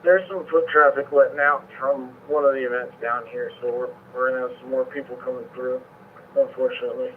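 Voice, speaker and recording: A man's voice: mid-range voice, fairly even intonation, brisk. Man on police radio, tinny and clipped. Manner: clipped, using radio codes. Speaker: police officer on patrol. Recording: tinny two-way radio with faint static.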